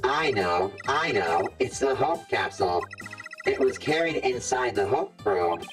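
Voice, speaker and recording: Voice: medium pitch, lively intonation, unhurried, over music, voice pushed down. A streamer voicing a robot museum guide through a voice changer, with a clangy, stiff and repetitive robotic delivery. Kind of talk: game voice reading.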